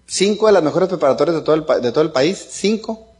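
This is a middle-aged man, speaking a touch higher than most men. He tells personal stories to a seminar crowd in a casual, colloquial way. He jokes as he goes and keeps checking in with his listeners. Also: animated, fast, darkish tone. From Mexico. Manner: joking, colloquial, tags lines with "¿no?" and "¿ah?". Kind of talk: seminar storytelling talk.

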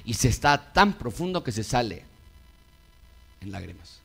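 A middle-aged man preaching a sermon, moving between loud emphatic peaks and quiet low asides, and acting out the quoted voices of his listeners. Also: sing-song, unhurried, creaky, breathy edge. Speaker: pastor.

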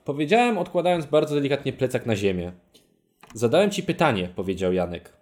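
A man's voice: medium pitch, sing-song, brisk, darkish tone. A young man co-hosting a podcast, reading his part of a fan story aloud and cracking jokes in between. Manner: playful, joking, breaks off to comment. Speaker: podcast co-host.

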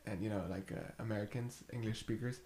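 A man chatting casually on a podcast, telling jokes and stories in a deadpan way. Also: on the low side, fast. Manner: joking, deadpan teasing storyteller. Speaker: podcast co-host. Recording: roomy echo, faint noise.

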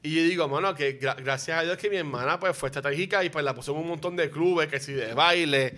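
A man's voice: a little high, fast talker, bright, forceful tone. A man with a Puerto Rican accent in a casual chat, teasing and rambling.

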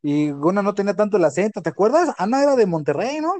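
Joking young Mexican man, lively voice. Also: high voice, fast, no room sound. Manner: crude, joking storyteller. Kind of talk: casual chat.

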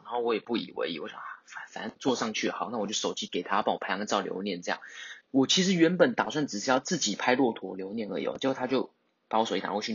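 A man's voice: mid-range voice, breathy edge, muffled recording. A man hosting a podcast, telling a travel story in a casual, rambling way with many fillers and self-corrections. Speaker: podcast host.

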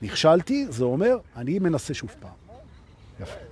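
A man's voice: a little high, very animated, a little mellow. A man leading a live self-help session as a coach, talking animatedly and repeating key phrases while he addresses his listeners directly. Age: adult with a son. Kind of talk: motivational self-help talk.

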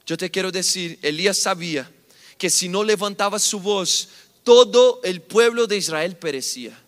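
A man preaching a sermon as pastor, swinging from shouts down to near-whispers. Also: high-pitched, normal speed. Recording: long hall reverb.

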